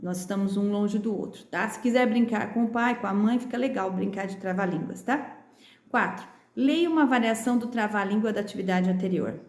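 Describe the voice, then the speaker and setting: A Brazilian primary school teacher with a São Paulo accent, patiently walking young pupils through a remote lesson and stretching out syllables. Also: female voice, medium pitch, a little fast, darkish tone. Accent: Brazilian Portuguese, São Paulo state. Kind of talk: remote lesson walkthrough for children. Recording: roomy echo.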